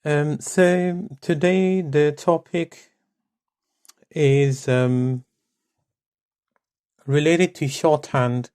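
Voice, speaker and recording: A man teaching networking in a casual video lesson, relaxed and rambling, with many fillers and pauses. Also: fairly high pitch, clear, resonant tone. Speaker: networking instructor. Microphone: webcam mic, no headphones.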